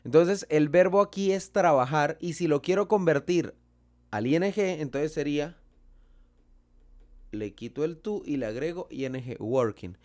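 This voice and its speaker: A man with a Colombian Spanish accent teaching a lesson, slow and deliberate, asking and answering his own questions. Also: fairly high pitch, a little mellow. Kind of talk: explaining a lesson.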